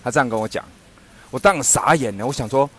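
A man's voice: mid-range voice, quick pace, slight background noise. A man casually telling a funny anecdote, laughing often and acting out what others said. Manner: animated, laughs often, acts out quoted speech. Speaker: storyteller in a podcast chat.

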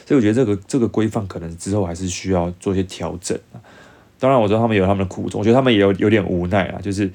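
Low-voiced young Taiwanese man storytelling. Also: rapid-fire, creaky. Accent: Taiwanese Mandarin. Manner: animated, acts out dialogue in changed voices. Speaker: vlogger. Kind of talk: casual storytelling to camera.

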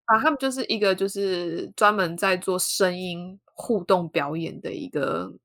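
A woman's voice: on the low side, moderate pace. A woman with a Taiwanese Mandarin accent chatting casually and slangily, mixing in English words. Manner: slangy, animated reactions.

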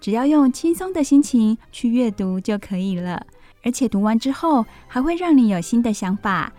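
A woman with a Taiwanese Mandarin accent hosting a children's radio storytime, speaking gently and simply as if reading to a toddler. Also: on the high side, lively intonation, normal speed, soft background music. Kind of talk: children's radio presenting, talking to young listeners.

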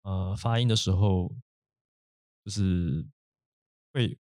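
A man with a somewhat low voice leads an English vocabulary lesson. He explains things at length, with fillers and little asides. His voice is recorded up close with no room sound. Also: slow pace, dark tone, no echo. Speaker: podcast host.

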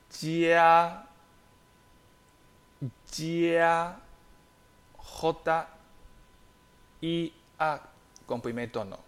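A young man whose first language is Chinese, teaching in a podcast lesson, spelling out words and tones slowly and deliberately. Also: a little high.

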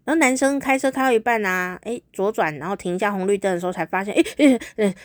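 Here a fast-talking woman with a mid-range voice hosts a podcast, chatting her way through a story with frequent laughs. No room sound is audible.

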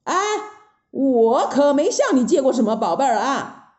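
A woman voicing a bold, mischievous, quick-tempered monkey king in a children's story, talking brashly and exclaiming. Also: high-pitched, expressive, a little mellow, roomy sound, voice pushed up. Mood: casual.

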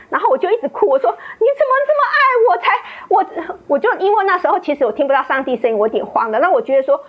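A woman sharing a personal faith testimony at a book club, her voice leaping up with excitement as she tells it. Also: slightly rough. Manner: excited, pitch leaps up when moved, laughs and cries while telling. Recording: dull lo-fi sound.

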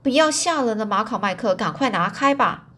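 A woman voicing a gruff, bearded male gang boss in a storybook reading, with a blustering manner. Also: fairly high pitch, expressive, a little fast, bright, forceful tone. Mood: bossy.

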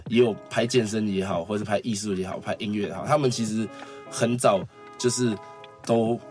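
A man's voice: on the low side, fairly even intonation, a little mellow, faint music behind. A young man in his twenties from Taiwan, a singer guest chatting eagerly on a podcast. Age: 20s. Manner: quick, eager, restarts often. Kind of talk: casual podcast chat.

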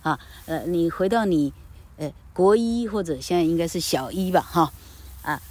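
A woman's voice: on the low side, moderate pace, a little mellow. A woman giving a casual English grammar lesson, chatty and full of tag particles. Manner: chatty, frequent "ha" tag particles, calls herself 老客.

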